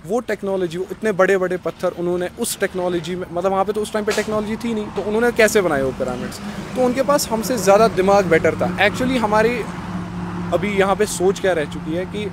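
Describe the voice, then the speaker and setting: A man's voice: high voice, a little fast, noisy background. A man of twenty-one from Kashmir, a young restaurant owner, answering interview questions outdoors in earnest talk mixed with English phrases. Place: outdoors in a village courtyard. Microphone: handheld mic held by the interviewer.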